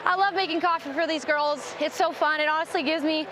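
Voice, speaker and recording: A young woman softball player, mic'd up in the field during a live game, talking brightly and a little out of breath. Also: high-pitched, steady tone, a little fast. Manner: bubbly, upbeat, cheers teammates mid-play. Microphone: wireless body mic. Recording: noisy outdoor ballpark mic.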